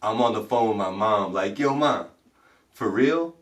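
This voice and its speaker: A man hosting a casual interview show, hyping the viewers with shout-outs and laid-back banter. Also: on the low side, measured pace, far from the mic. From Puerto Rican family. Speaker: host. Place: studio in Beacon, New York.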